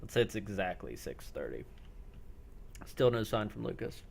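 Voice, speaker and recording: A man acting as game master in an online group game session narrates scenes off the cuff, matter-of-factly, in improvised tabletop style. His fairly low voice is sing-song with vocal fry, at a normal speed.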